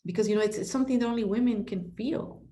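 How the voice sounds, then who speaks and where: A middle-aged Ecuadorian woman talks fast in a slightly high voice with a dark tone as a podcast guest. A real estate broker, she speaks passionately and emphatically in this conversational interview, restarting often and saying "you know" a lot.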